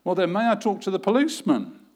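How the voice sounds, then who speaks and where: Sex: man. Figure: a man doing an anxious company boss on the phone. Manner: insistent questions, raised, higher and louder than his own voice. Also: wildly swooping pitch, quick pace, exaggerated voice. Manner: pressing, increasingly anxious questions.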